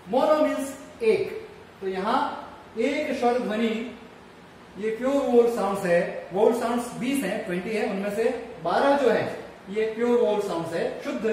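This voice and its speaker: A man's voice: sits high, a little mellow. A male teacher trainer with an Indian English accent, giving a bilingual lecture on English vowel sounds and spelling words out letter by letter. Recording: echoey room, voice from a distance, faint background noise.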